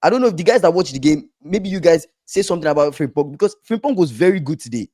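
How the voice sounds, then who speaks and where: Mellow-voiced man in emphatic football chat. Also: on the high side, expressive, fast. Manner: emphatic, repeats himself, trails off. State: slightly hoarse from shouting. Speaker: podcast co-host.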